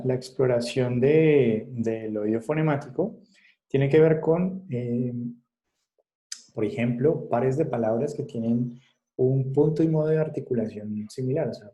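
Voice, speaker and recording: A man teaches a class online over a video call. His voice is dark and mellow, and he speaks slowly. He stops and restarts often and keeps checking in with short questions. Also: mid-range voice, rough recording. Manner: halting, with many fillers and restarts. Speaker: psychology lecturer.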